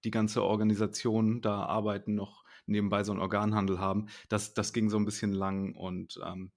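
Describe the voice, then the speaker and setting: Talking fairly quickly in a lowish voice with little pitch movement, a male podcast co-host reviews a series. The chat is casual and relaxed, punctuated by occasional laughter.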